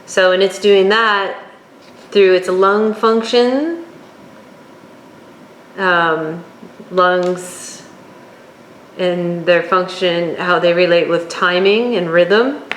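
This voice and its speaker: A woman teaching a course, working through her notes at an unhurried pace with occasional fillers. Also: on the low side, steady tone. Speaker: instructor. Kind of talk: lecture on herbal oils. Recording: echoey room, faint background hum.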